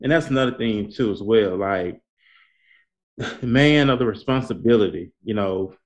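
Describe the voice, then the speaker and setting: Speaking at normal speed in a fairly low voice, a man hosts a colloquial motivational talk in a preacherly style, hammering his points home repeatedly to exhort his listeners. The recording has its highs cut off.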